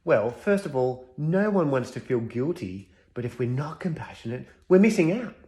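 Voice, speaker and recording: In a comedic school chapel sketch, a man plays a scruffy, bearded compassion specialist who cockily lectures his way through a list of studies. His natural voice is mid-range and dark-toned, with lively intonation at a normal speed.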